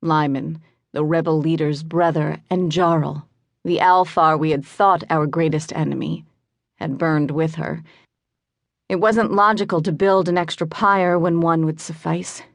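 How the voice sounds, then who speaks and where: A woman narrating a fantasy audiobook in a measured, somber way. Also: low-pitched, fairly even intonation, creaky, dry recording, clean studio sound.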